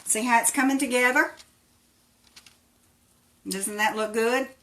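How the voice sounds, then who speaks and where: Female craft livestream host, Tennessee Appalachian accent, bright forceful voice, folksy and chatty. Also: on the high side, steady tone, a little slow. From Tennessee, United States. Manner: folksy, chatty, thanks viewers by name. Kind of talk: casual live craft demonstration, greeting viewers.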